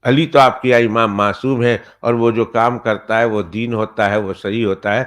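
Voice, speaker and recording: A man's voice: lowish voice, steady tone, a bit bright. A male Islamic cleric telling a story in a sermon, emphatic and full of repeated rhetorical questions.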